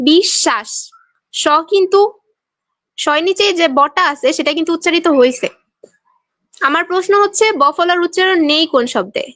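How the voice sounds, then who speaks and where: A woman's voice: high-pitched, a bit bright, no echo. A young woman from Bangladesh teaching an online exam-prep class, quizzing students and reading their answers aloud with a playful, teasing manner.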